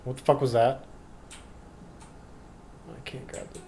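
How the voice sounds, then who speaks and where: A man playing a horror game on a let's play, joking, swearing a lot and reading game notes aloud haltingly. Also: medium pitch, little pitch movement, a little mellow, a little hiss or hum. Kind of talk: casual gameplay commentary.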